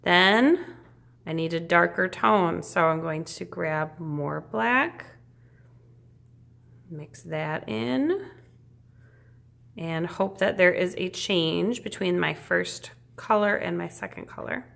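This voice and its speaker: A woman art teacher giving a casual step-by-step demonstration in an encouraging, reassuring, informal way, with a creaky voice. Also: on the low side, slow, long pauses, fairly bright tone.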